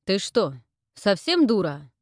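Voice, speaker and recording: A woman's voice: fairly low pitch, lively intonation, normal speed, darkish tone, dry recording, clean studio sound, natural voice. A woman voicing a rude, brutish male king who growls threats and scorn, in an audiobook reading. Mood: menacing.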